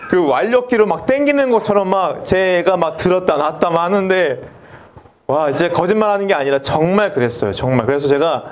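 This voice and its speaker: Male pastor, middle-aged, high voice, lively intonation, comic storytelling sermon. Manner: animated, comic storytelling with acted-out dialogue.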